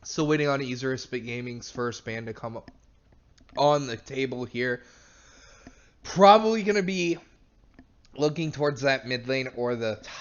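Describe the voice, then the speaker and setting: Male esports caster, chatty and analytical, mid pitch, muffled lo-fi sound. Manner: chatty, analytical, laughs often. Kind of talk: play-by-play commentary.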